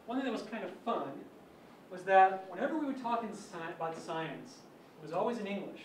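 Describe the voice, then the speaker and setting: A man's voice: high-pitched, expressive, brisk. Chatty man lecturing in an echoey hall. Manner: chatty, anecdotal, self-amused. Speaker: physics colloquium speaker. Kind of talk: informal academic lecture. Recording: echoey lecture hall, mic at a distance, faint hum.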